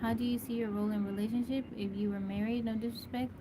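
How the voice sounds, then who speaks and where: This livestream host, a woman from Texas, casually greets her viewers by name and fields their questions. She speaks fast in a fairly high, level voice, and the stream's audio carries a lot of noise.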